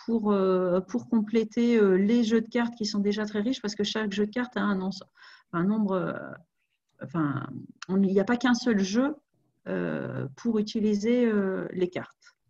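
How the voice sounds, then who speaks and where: A woman's voice: medium pitch, measured pace, dark tone, lo-fi sound. A woman co-hosting a webinar over a video call, talking casually while showing a website and checking in with the audience.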